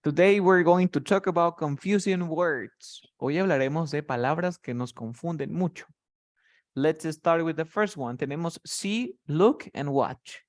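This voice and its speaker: A man's voice: on the high side, unhurried. Patient male English tutor. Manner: patient, explains step by step. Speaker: English teacher. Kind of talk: bilingual tutoring session.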